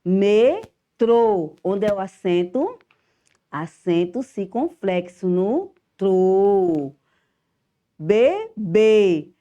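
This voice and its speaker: A woman's voice: medium pitch, dark tone, dull audio. A middle-aged woman teacher with a Brazilian Portuguese accent, giving a home-school lesson to children, affectionate and emphatic, stressing each syllable.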